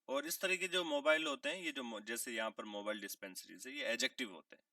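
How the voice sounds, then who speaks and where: A man teaching a vocabulary lesson, asking questions and answering them himself, repeating key words and clearing his throat now and then. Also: mid-range voice, sing-song, sharp tone, no room sound, clean studio sound, far from the mic. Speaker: English teacher.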